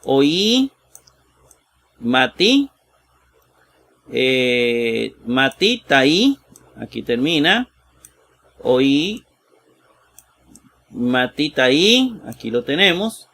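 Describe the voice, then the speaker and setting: A man teaching a Bible lesson, slow and halting with many fillers, sounding out Greek words piece by piece and checking in with his listeners. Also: medium pitch, big pitch swings, gravelly, fairly bright tone. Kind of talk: screen-shared exegesis lesson.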